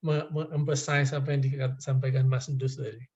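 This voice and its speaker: A man's voice: medium pitch, flat delivery, moderate pace, darkish tone, dull audio. A man hosting a discussion, chatty, with stumbling restarts. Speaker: host. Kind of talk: moderating a discussion.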